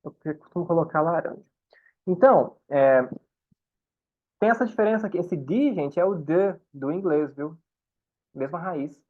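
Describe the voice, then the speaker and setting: A man's voice: fairly high pitch, normal speed, long pauses, narrow, tinny audio. Patient man teaching German. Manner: patient, explains with frequent checks to the class. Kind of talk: online class explanation.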